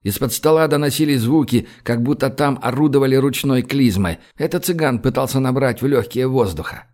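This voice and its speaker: A man reads an audiobook at a steady, measured pace. His voice sits in a middle register and shifts up or down when the characters speak. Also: mid-range voice. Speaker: audiobook narrator.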